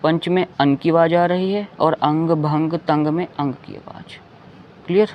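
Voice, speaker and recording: A Hindi teacher with a voice on the high side talks unhurriedly, his intonation fairly even. The lesson is slow and explanatory, and he repeats sounds patiently while often confirming that his audience follows. Audio quality is dull and lo-fi, with faint background noise.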